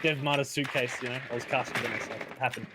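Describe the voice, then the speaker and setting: A man calling an esports match play by play, quick and excitable as he follows the action. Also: mid-range voice. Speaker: esports caster. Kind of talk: play-by-play commentary. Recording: noisy stream audio.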